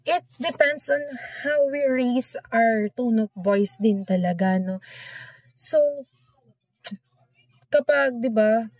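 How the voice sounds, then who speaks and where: A woman's voice: fairly high pitch, slow, long pauses, darkish tone, no echo. A young woman with a Filipino accent, giving an informal lesson in a chatty way and often adding tag questions. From Philippines. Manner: conversational, frequent tag questions. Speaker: teacher. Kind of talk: informal lesson talk, mixing English and Filipino.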